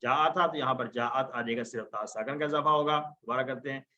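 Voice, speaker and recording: A man teaching a recorded Arabic grammar lesson, chanting verb forms slowly and then explaining them. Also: mid-range voice, sharp tone, muffled recording.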